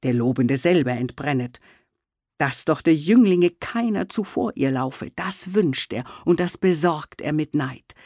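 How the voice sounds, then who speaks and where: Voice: medium pitch, a little mellow, no room sound, studio quality, lightly acted. A reader voicing a daring young man courting in a solemn verse recital. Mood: pleading. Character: bold young male suitor, daring.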